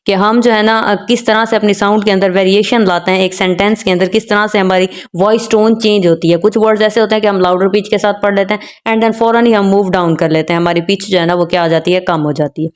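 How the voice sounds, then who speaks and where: Woman teacher with a smooth voice. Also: mid-range voice, steady tone. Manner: slow, careful modelling of example sentences; repeats the filler "jo hai na" constantly. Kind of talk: explaining a lecture, mixing English terms.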